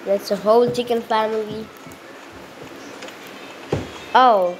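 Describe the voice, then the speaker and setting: A woman casually commenting on a cooking game as she plays, thinking aloud in halting bits. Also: on the high side, fairly even intonation, a little hiss or hum, rough recording. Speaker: gameplay commentator.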